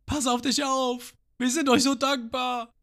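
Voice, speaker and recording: A man voicing a crowd of cartoon villagers who shout in a shrill falsetto, robbed but grateful. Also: flat delivery, a little slow. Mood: shrill, outraged.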